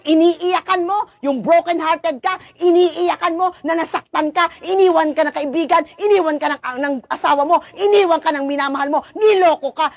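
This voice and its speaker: An impassioned woman preacher delivers a sermon in a very high voice, recorded close and dry. She presses her points with repeated rhetorical questions and folds stories into her exhortation. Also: dry recording. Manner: mixes storytelling with exhortation.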